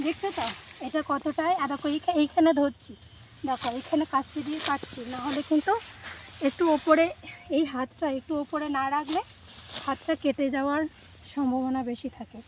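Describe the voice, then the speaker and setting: A woman's voice: high-pitched, fairly even intonation, fairly quick, noisy background. Young woman vlogging from a rice field. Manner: chatty, talks straight to viewers while working. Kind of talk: casual vlog narration. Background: faint rural outdoor ambience, birds.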